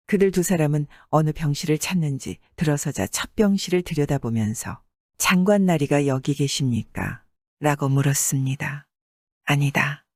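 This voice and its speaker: A man narrating an old tale as an audiobook, in a measured, expressive storytelling manner, on a close mic. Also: on the high side, dry recording.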